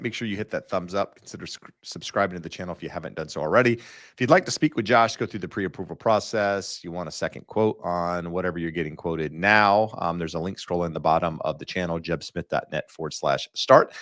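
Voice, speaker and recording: A man's voice: low voice, fairly bright tone, dry recording, studio quality. A man hosting a real estate talk show, chatting loosely with many fillers and restarts. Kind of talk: casual market talk.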